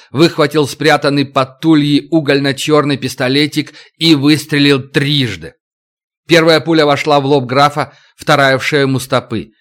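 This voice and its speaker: A man reading an audiobook aloud in scripted narration. His delivery is steady and dramatic. His voice sits at an ordinary middle pitch.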